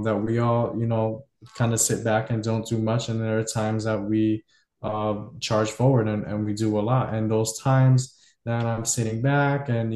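A man's voice: fairly low pitch, darkish tone, reverberant. A man hosting a podcast, musing at length in casual conversation with many fillers. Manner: reflective, loosely structured, many fillers. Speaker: podcast host.

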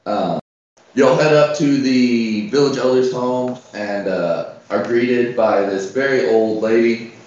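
A man running a tabletop game as game master, narrating casually with halting, informal, folksy phrasing. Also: medium pitch, a little mellow. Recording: roomy, dull, distant from mic.

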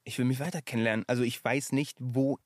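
Podcast guest, male, thoughtful and searching, even middle pitch, dry close mic. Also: fast, dry recording. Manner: reflective, searching for words. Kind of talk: casual podcast chat.

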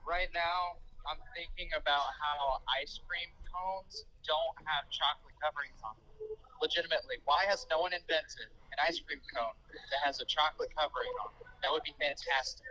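A man's voice: on the high side, moderate pace, sharp tone, muffled recording. A man on a speakerphone call from work, chatting in an easygoing, joking, rambling way. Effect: heard over a speakerphone call. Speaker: podcast regular phoning in. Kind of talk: casual phone chat.

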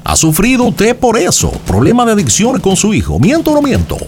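Over background music, a man plays a theatrical psychic on a call-in show, reading cards and shells and asking sing-song leading questions. His voice sits high with huge pitch swings, brisk and a little mellow.

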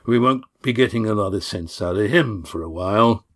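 A man reading a story, voicing a weathered older countryman who talks slowly and low. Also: a bit bright. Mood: steady. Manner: slow and low, rustic.

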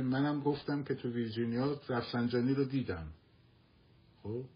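A man's voice: mid-range voice, lo-fi sound. A man hosting a live talk stream, answering listeners in a casual, argumentative way and repeating points for emphasis. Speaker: livestream host.

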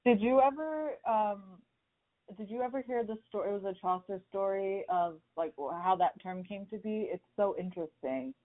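A woman's voice: medium pitch, expressive, moderate pace. A woman hosting an interview podcast, chatty and full of fillers as she tells stories and asks questions. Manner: chatty, filler-heavy, storytelling. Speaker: podcast host. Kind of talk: casual interview chat. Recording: tinny phone-like sound.

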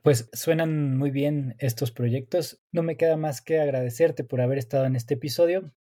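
A man's voice: fairly high pitch, moderate pace, warm tone. A man hosting an academic podcast interview, politely closing the conversation. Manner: polite, formal wrap-up. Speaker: podcast host.

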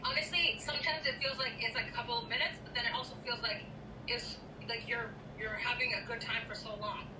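A woman chatting casually as she recounts a personal story, a little halting and acting out bits of dialogue. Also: a little high, steady tone. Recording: echoey, distant mic, clearly noisy.

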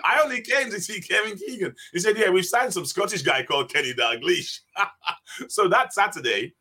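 Bright-voiced older man telling stories. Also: high-pitched, lively intonation, normal speed, breathy edge. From England. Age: 60s. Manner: laughs often while telling stories. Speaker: guest. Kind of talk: casual interview.

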